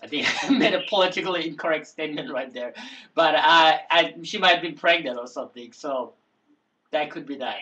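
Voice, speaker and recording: A man's voice: a little high, brisk, bright, forceful tone, far from the mic. A man hosting a casual chat show, stammering, repeating words and giggling. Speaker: host.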